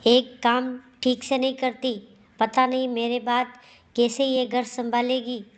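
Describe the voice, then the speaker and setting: A fussy older mother-in-law scolds and grumbles in a fairly high, level voice, spoken by a woman narrating. She nags in an unhurried way, a storybook elder who is hard to please. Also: little pitch movement, close to an everyday voice. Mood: scolding. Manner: nagging, complaining.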